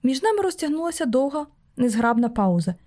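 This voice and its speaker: A woman reading a novel aloud as audiobook narrator, with a measured, expressive delivery. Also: high voice. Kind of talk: scripted narration.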